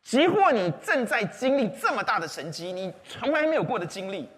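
A pastor preaches a sermon in a church hall, his voice high-pitched and fairly quick. He's animated and keeps throwing rhetorical questions at the congregation, and the recording carries a long hall reverb.

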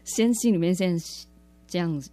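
A woman's voice: lowish voice, normal speed, mellow. A woman sharing her personal faith testimony in a radio interview, earnest and reflective, often restarting her words.

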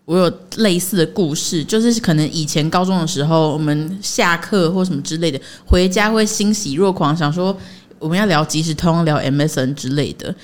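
Woman with a slightly low voice, casual podcast chat. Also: fairly quick. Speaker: podcast co-host.

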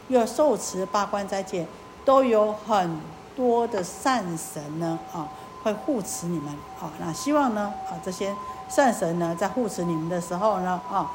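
A Buddhist nun preaches to her listeners in a chatty, unhurried way, filling pauses and posing rhetorical questions. Her voice sits in the middle range for a woman. A faint noise runs underneath. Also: medium pitch. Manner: colloquial, many drawn-out fillers, rhetorical questions. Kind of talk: Buddhist sermon.

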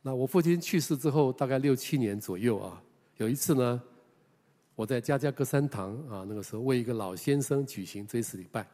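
An older man, a pastor with a Taiwanese Mandarin accent, telling a personal story in a sermon with a conversational manner, many hesitant fillers and drawn-out particles at phrase ends. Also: mid-range voice, animated, warm tone, big-room sound.

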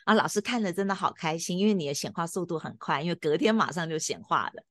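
A woman's voice: fairly low pitch, lively intonation, quick pace, a bit bright, no room sound, studio quality. A woman hosting an interview, guiding her guest with coaching questions. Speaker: podcast host and teacher. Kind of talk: encouraging interview chat.

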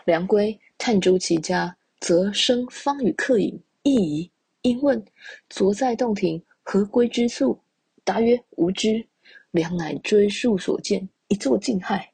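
A woman's voice: medium pitch, unhurried, gravelly, warm tone, husky, no echo. A woman podcast host who reads a classical tale aloud, then retells each passage in casual speech with chatty asides. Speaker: podcast storyteller.

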